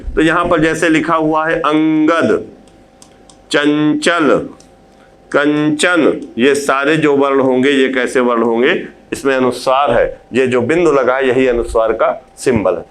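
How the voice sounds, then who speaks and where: A man's voice: sits high, a bit bright. A man teaching an exam-prep video lecture, explaining step by step, asking his own questions and then answering them. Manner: slows down and stretches words to show pronunciation.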